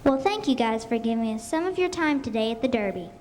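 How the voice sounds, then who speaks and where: This slightly high, darkish female voice moves fast with lively intonation and only light acting. The young elementary-school performer plays a bubbly TV reporter at the Kentucky Derby in a scripted school radio show, announcing upbeat and presentational. The live stage recording is amateur and noisy.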